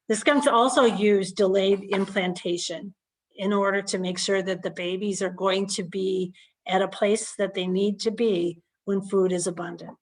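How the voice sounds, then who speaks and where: A woman's voice: mid-range voice, low-quality recording. A woman naturalist giving a conversational online lecture over a video call, with frequent fillers and restarts. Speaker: naturalist presenter.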